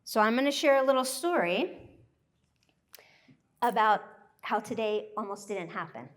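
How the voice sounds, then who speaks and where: Brief: American woman, raised in Thailand, somewhat high voice, lively and joyful workshop speaker. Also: a little slow. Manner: upbeat, joyful and animated. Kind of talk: live presentation talk.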